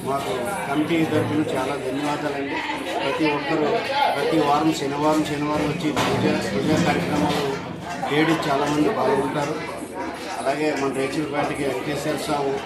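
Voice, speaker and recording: A man's voice: a little high, little pitch movement, normal speed, echoey room, a loud crowd, poor audio. A man from a temple committee speaking politely to a reporter, with restarts and respectful phrasing. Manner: plain, polite talk with repeated respectful endings and restarts. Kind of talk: interview remarks to a reporter.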